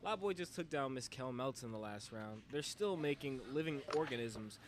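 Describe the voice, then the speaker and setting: A man's voice: medium pitch, expressive, moderate pace, a little hiss or hum. A man hosting and commentating a live stream, laid-back and joking as he rambles. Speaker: host and commentator. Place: glassblowing studio with people around.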